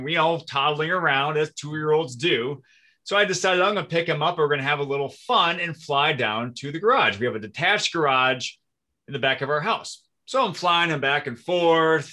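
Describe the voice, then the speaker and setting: A man's voice: a little high, bright, forceful tone. A man in his forties from Minnesota, a podcast guest telling his story in casual conversation, chatty and self-deprecating.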